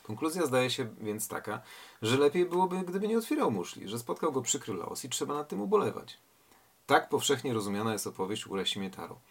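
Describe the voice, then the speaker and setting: Husky-voiced man reading and reflecting. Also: mid-range voice, big pitch swings, fairly quick. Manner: reflective, asks rhetorical questions. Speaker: reader and literary commentator. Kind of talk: story reading with commentary.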